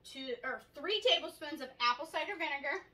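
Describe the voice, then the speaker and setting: Upbeat high-voiced woman cooking at home. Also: a little fast, bright, forceful tone. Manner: chatty, upbeat, talks through each step. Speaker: cooking show host. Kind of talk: casual cooking demonstration. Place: home kitchen, indoors. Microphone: camera across the kitchen counter. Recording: echoey kitchen from a distance.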